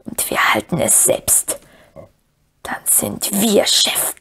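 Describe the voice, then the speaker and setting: A woman reading aloud and voicing the hoarse, hissing dark side of a wretched male creature, greedy and scheming as he mutters to himself. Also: medium pitch, big pitch swings, takes it slowly, full character voice.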